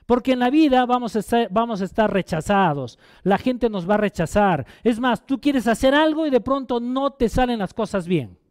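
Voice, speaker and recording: A man preaching a Sunday sermon in a notably high voice. The sound is dry and close, with no room echo. He keeps turning to the listeners with questions and drives points home by repeating his phrases. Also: lively intonation, moderate pace, few pauses, darkish tone. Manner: asks the congregation questions, repeats phrases for emphasis. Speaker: pastor.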